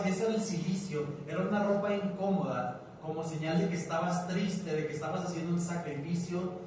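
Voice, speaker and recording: A high-voiced man with a Mexican accent preaches a sermon in a relaxed, joking way, putting questions straight to the congregation. He is heard from some distance in a very echoey church, with faint room ambience behind him. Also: slight background noise. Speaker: pastor. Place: church hall.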